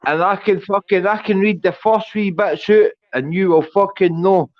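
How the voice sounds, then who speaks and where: A high-voiced man with a rough-and-ready Glasgow street accent argues on a livestream panel. He is confrontational and swears constantly. The sound is a dull, lo-fi voice call. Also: steady tone, normal speed, dry recording. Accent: Glasgow Scottish. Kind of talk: heated livestream argument. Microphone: online panel call.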